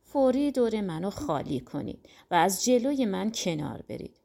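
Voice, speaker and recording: A woman's voice: mid-range voice, big pitch swings, gravelly, warm tone. A woman reading a storybook, voicing a proud young prince who answers back indignantly. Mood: commanding. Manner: indignant, quick retorts.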